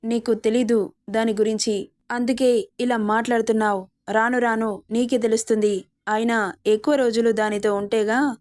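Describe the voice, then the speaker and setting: A woman's voice: on the high side, fairly even intonation, moderate pace, darkish tone, lightly acted. A woman voicing an arrogant, cruel young husband who taunts and threatens his wife. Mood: menacing.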